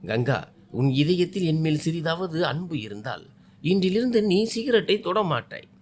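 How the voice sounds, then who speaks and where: A man's voice: a little high, sing-song, moderate pace, a little mellow. A man voicing a troubled young husband in a spoken story, firm but caring. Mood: gentle.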